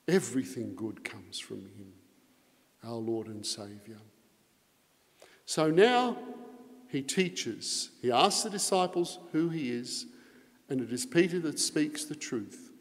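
A man's voice: medium pitch, a little mellow. A man serving as priest reads the gospel and then preaches a homily with earnest emphasis, his voice carried by a cathedral echo. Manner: earnest preaching with strong emphasis on key phrases. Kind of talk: Mass gospel reading and homily. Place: large church. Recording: long echoing reverb of a large church.

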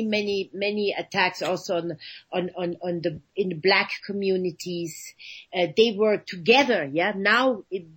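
Woman radio guest, slightly husky, hesitant, lots of restarts. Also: mid-range voice, low-quality recording. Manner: halting, many restarts, searching for words. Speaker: guest, actress. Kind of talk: radio interview conversation.

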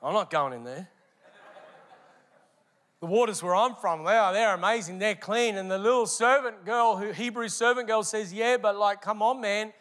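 Bright, high-pitched preaching man. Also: moderate pace. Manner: emphatic, repeats phrases for rhythm. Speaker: pastor. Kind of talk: sermon.

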